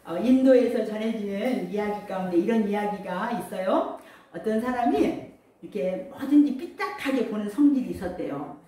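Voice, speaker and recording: A woman's voice: medium pitch, lively intonation, normal speed, mellow. A woman pastor preaching a sermon to her congregation and leading it in call-and-response. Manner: leads congregation in call-and-response, sings hymn lines. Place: large church hall. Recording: very echoey hall, voice from far off.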